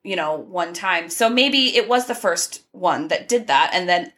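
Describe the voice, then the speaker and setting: A woman's voice: lowish voice, animated, measured pace, a bit bright. A woman co-hosting a casual true crime podcast, running through the case details in a chatty way with small asides. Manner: conversational, reads case facts with asides and laughs.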